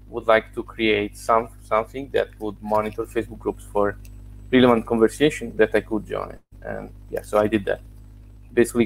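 A software founder whose first language is Italian gives casual interview answers as a guest, explaining things by walking through examples step by step. His gravelly voice is on the low side, in a rough recording with slight background noise.

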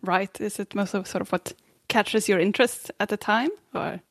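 Woman co-host, upbeat and friendly, mid-range pitch, dry close sound. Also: steady tone, moderate pace, dry recording. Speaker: podcast co-host. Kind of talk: casual chat.

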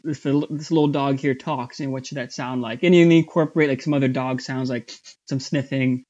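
A man guesting in a casual interview about his voice acting work, talking in a halting way with many fillers and restarts. His voice is somewhat high. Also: fairly even intonation, darkish tone, muffled recording. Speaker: voice actor guest.

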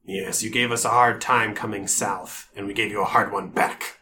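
A man voicing a gruff, guarded orc sentry in a tabletop game, speaking in terse, plain phrases. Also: lowish voice, steady tone, normal speed, sharp tone, slight background noise, pitched below the performer's own voice. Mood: wary. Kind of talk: tabletop role-play.

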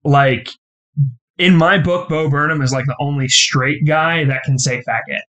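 Man, podcast co-host, casual chat, relaxed rambling retelling, filler-heavy. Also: on the high side, unhurried, poor audio. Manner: relaxed storytelling, heavy use of "like". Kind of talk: casual chat reviewing a show.

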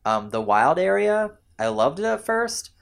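A young man in casual chat, animated and complaining, sometimes mimicking characters mid-sentence. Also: on the high side, a little slow, gravelly, clear, resonant tone.

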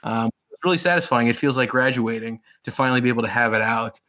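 A man in his thirties, raised in Pakistan, talking as an interview guest about his work. He speaks eagerly and loosely, piling on fillers and restarting sentences. His pitch sits in an ordinary middle range. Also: fast, bright, forceful tone. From grew up in Pakistan. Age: 30s. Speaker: author being interviewed. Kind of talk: casual interview storytelling.

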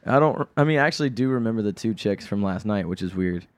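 A man's voice: lowish voice, animated, fast talker, no room sound. A young man chatting casually with friends, laid-back and rambling, swearing freely.

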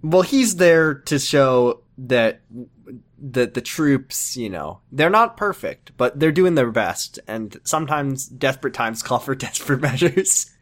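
A man's voice: medium pitch, expressive, measured pace. A man co-hosting a casual, joking podcast chat, laughing often and slipping into silly voices. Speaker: podcast co-host.

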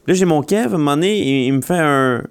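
A man's voice: a little high, fast, clear, resonant tone. A man with a Quebec French accent, co-hosting a podcast in casual chat, telling stories with lots of restarts. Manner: animated storyteller, stammering restarts. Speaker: podcast co-host.

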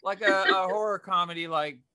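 A man's voice: sits high, fairly quick, crowd noise. A man born in Zimbabwe, a filmmaker chatting casually in an interview, rambling with many restarts and fillers. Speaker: filmmaker guest.

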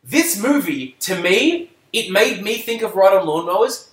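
Animated man in an echoey room. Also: sits high, unhurried. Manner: animated, storytelling, laughs often. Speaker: podcast co-host. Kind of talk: casual movie chat.

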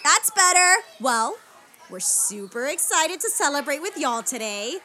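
A woman's voice: high-pitched, sing-song, measured pace, sharp tone, full character voice. A woman playing a bubbly children's party clown who hosts in singsong puppet-show patter to children. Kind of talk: exaggerated children's entertainer performance.

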